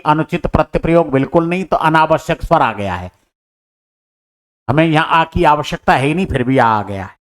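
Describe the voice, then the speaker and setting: A man's voice: fairly high pitch, a bit bright. A man explaining exam answers step by step. He asks questions and answers them himself, and he calls his students brother. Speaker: teacher solving an exam paper. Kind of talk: exam answer-key lesson.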